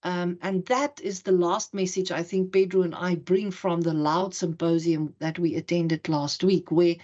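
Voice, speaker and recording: Middle-aged woman speaker, low-set voice, deliberate storyteller at a conference, dull lo-fi room recording. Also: flat delivery, dark tone. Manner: storytelling, slows down to stress key words. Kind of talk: academic conference talk.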